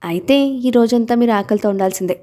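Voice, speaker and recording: A woman voicing a gentle, teasing young father. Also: mid-range voice, quick pace, lightly acted.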